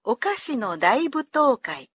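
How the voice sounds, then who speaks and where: Expressive woman reading a children's story. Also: a little high, slow pace, breathy edge, no echo, studio quality. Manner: expressive, voices the characters.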